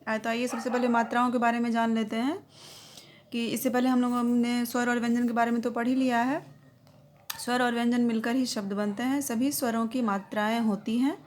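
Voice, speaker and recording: A woman's voice: on the high side, slight background noise. A young woman teacher explaining a grammar lesson to young children, patiently checking in with tag phrases.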